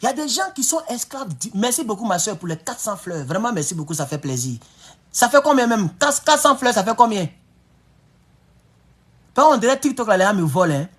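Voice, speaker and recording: A man giving excitable, emphatic political commentary on a live stream. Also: high voice, a little fast, breathy edge.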